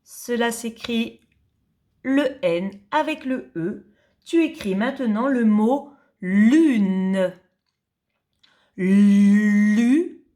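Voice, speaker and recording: A woman teaching young children to read in French, spelling out syllables slowly and distinctly, patient and repeating each sound. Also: on the high side, animated, darkish tone. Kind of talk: slow reading lesson for young children.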